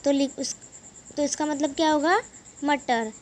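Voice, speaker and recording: A woman teaching young children English, slowly spelling out each word letter by letter and explaining it. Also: sits high. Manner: slow, spells words letter by letter.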